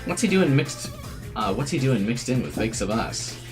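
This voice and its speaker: Male playthrough host: casual commentary and read-aloud narration, mid-range voice, animated intonation, game music behind. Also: medium pitch, moderate pace. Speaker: game player reading dialogue and commenting.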